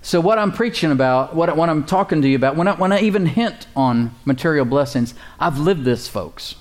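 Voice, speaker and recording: A male pastor delivers a sermon in a conversational yet emphatic style, repeating words and chuckling now and then. His voice is a little high, expressive, and brisk.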